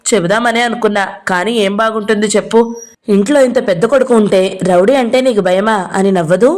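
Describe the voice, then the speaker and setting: A worried young mother, as a woman reads her in an audio novel, soft and hesitant in her speech. The pitch stays at an ordinary middle level. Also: a little fast, natural voice. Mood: anxious.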